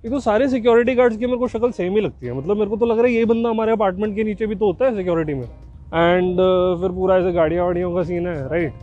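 A man's voice: high voice, narrow, tinny audio. A young man hosting a podcast, joking and rambling as he describes a car showroom outdoors, mixing Hindi with English. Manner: jokey, chatty, mixes Hindi with English. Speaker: podcast host. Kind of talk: rambling walk-and-talk commentary.

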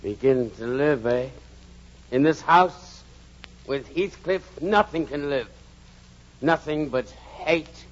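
A man's voice: fairly high pitch, takes it slowly, pauses often. An actor playing a bitter, drunken young man consumed by hate, brooding and venomous in 1940s radio acting, on a dull old radio broadcast. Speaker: Hindley.

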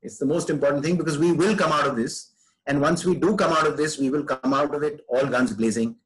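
A man's voice: a little high, brisk, poor audio. A man speaking as a podcast guest, giving earnest, conversational advice and repeating phrases for emphasis.

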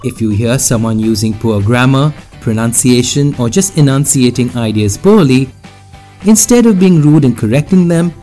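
A man's voice: medium pitch, expressive, normal speed, dark tone. A man, hosting a radio grammar show with an upbeat, scripted intro. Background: music bed.

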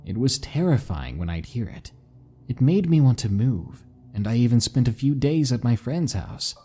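A man narrating spooky stories in a slow, hushed, dramatic way. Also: fairly low pitch. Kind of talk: scripted story narration.

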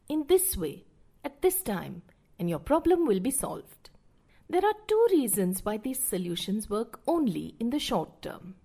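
A middle-aged woman hosting a parenting podcast reads scripted advice in a somewhat high, dark-toned voice. She addresses the listener directly, calm and explanatory.

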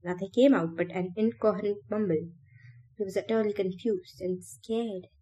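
A podcast reader, a woman with a medium-pitched voice, reads a novel aloud steadily and with measured pacing.

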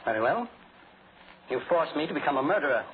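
Suave killer on tinny old radio. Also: male voice, a little high, sing-song, fast talker, slight background noise. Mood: coolly menacing. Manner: formal, precise, coolly threatening. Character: suave, menacing gentleman killer in a radio thriller. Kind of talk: 1940s radio acting.

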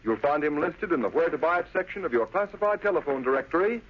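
American male 1930s radio ad announcer, husky, lively intonation, formal and emphatic, muffled old recording. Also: a little high, quick pace. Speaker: radio announcer reading a sponsor's ad. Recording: dull vintage radio recording.

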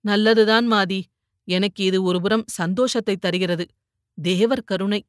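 A woman voicing an ailing older husband who speaks gently and steadily to console his wife. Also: mid-range voice, normal speed, no room sound, clean studio sound, natural voice. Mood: calm consoling.

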